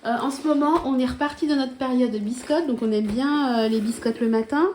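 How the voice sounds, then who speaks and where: A woman's voice: high-pitched, a little fast, dark tone. A woman chatting casually to viewers about her groceries, full of hesitations and asides. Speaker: vlogger showing her grocery haul. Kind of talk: casual vlog chat. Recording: echoey room with faint noise.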